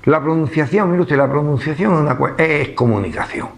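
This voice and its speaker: A man's voice: fairly high pitch, fairly quick, creaky. Andalusian man giving a chatty lecture. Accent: Andalusian Spanish. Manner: conversational, full of rhetorical questions and tag "¿no?". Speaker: speaker at a book presentation. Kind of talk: informal public lecture.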